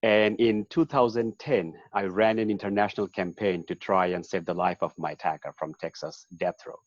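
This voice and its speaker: A man from Bangladesh giving measured, solemn testimony on a video panel. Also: fairly low pitch, no echo, lo-fi sound. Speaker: panel guest, activist. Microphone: video call.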